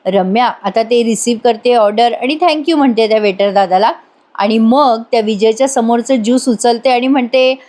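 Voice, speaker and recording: A woman's voice: on the high side, normal speed, darkish tone. A woman with a Marathi accent recapping a TV serial episode in a chatty voice-over that speaks straight to the viewers. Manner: chatty, addresses the audience directly. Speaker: TV serial reviewer.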